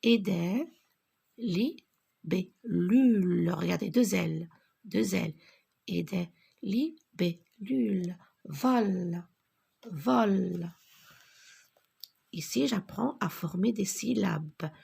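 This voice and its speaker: Slow, dark-voiced woman teaching reading. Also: medium pitch, creaky, breathy edge. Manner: slow, spelling out letters and syllables, often repeating words. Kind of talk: reading lesson for young children.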